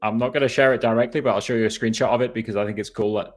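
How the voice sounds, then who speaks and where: Speaking rapid-fire in a lowish, fairly even voice, this thirty-something northeast English man runs a laid-back live question-and-answer stream. He wears headphones and wanders through his answers with plenty of laughter and self-corrections.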